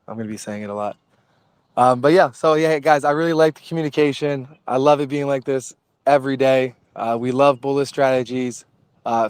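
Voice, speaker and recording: A man's voice: mid-range voice, clear, resonant tone, no room sound. A man hosting a casual community voice chat, upbeat and rallying his listeners. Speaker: crypto community host.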